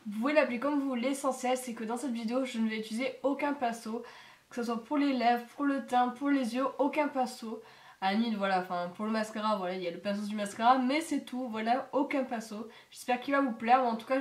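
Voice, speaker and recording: A slightly high-voiced teenage girl with a cold and stuffy nose records a makeup tutorial at home as a beauty vlogger. She chats casually and rambles, using plenty of fillers, in an echoey room.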